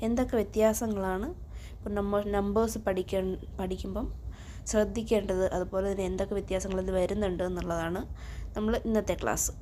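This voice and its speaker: A woman's voice: mid-range voice, steady tone, brisk, warm tone, a little hiss or hum. A woman teaching a German lesson online, patiently explaining step by step and reading the numbers aloud for learners to repeat.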